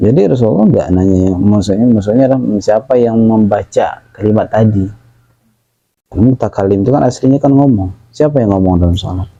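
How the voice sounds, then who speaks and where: A man leads a religious study class, slowly reciting Arabic phrases before translating and explaining them. He chats casually with his students and calls on them by name. His voice is fairly low and warm, with no room sound, and the recording is slightly dull, dry, and lo-fi.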